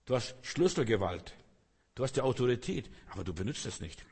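A man's voice: medium pitch, big pitch swings, fairly quick, creaky, darkish tone, breathy edge. A man pastor preaching a sermon in an earnest, repetitive way and speaking directly to his listeners. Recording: long hall reverb.

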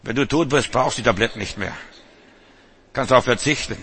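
A man preaching an evening sermon to a congregation, emphatic and repeating key phrases, slowing down for refrains and dropping in humorous asides. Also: mid-range voice, a bit bright, a little hiss or hum.

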